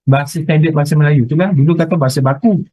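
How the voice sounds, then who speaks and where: Middle-aged malaysian guy lecturing, high voice, joky, keeps quizzing students, dry close sound. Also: very fast, husky, no room sound, rough recording. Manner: teasing, lively, asks students questions. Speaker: university lecturer. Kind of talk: online lecture with class banter.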